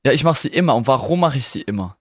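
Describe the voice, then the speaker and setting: A man's voice: mid-range voice, animated, racing, no echo. A young man co-hosting a casual podcast, teasing his friend in playful slang. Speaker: podcast co-host. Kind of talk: casual chat.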